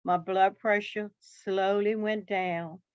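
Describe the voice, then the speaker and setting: A woman on a video call telling her story in an emphatic, animated way. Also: mid-range voice, slow, smooth, no room sound. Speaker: new team member. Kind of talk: casual testimonial on a video call. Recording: dull video call audio.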